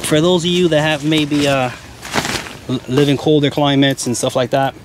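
This camping vlogger, a man in his thirties, has a slightly high voice and a flat delivery at normal speed. He strolls through a large tent at a wooded campground, chatting and explaining what he points to, holding a mic in his hand, with background noise present.

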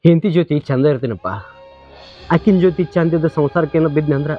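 A man's voice: a little high, quick pace, highs cut off, soft background music, natural voice. An actor playing a troubled remarried village father, pleading in North Karnataka Kannada, in a short film drama.

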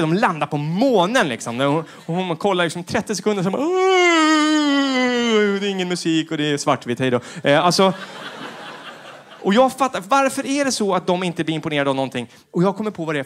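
A middle-aged man doing stand-up comedy on a theater stage, acting out other people with sudden high-pitched shouts. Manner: animated, acts out quotes with sudden high shouts.

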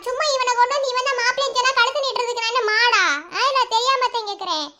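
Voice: very high-pitched, steady tone, very fast, sharp tone, full character voice. A performer voicing a sad, bitter young woman in a cartoon, sulky and weepy, with a Madurai accent. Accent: Madurai Tamil. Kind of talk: cartoon voice acting.

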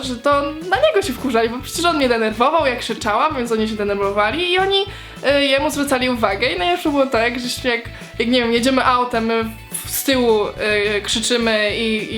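Young woman rambling through a q&a vlog, kinda high voice, lots of ums, soft music in back. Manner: chatty, hesitant, many fillers and restarts. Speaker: vlogger answering viewer questions. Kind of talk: casual Q&A vlog.

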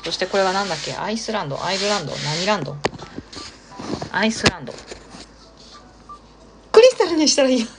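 A woman's voice: medium pitch, sing-song, quick pace, long pauses, noisy background. A young woman hosting a casual live stream, chatting with viewers and reading their comments aloud. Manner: chatty, reads viewer comments aloud, exclaims and laughs often.

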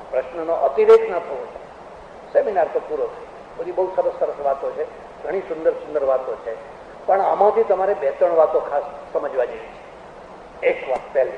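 A male religious teacher giving a spiritual discourse, telling anecdotes with rhetorical questions and now and then mimicking other people's voices. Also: fairly high pitch. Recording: echoey hall, tinny phone-like sound, faint hiss.

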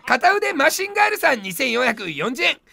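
High, shouty man faking rage. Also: big pitch swings, normal speed, no echo. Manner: shouts rough, slangy retorts, tacking "you" onto every line; laughs through his rants. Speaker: live streamer answering viewer comments. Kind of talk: mock-furious comedic comment replies.

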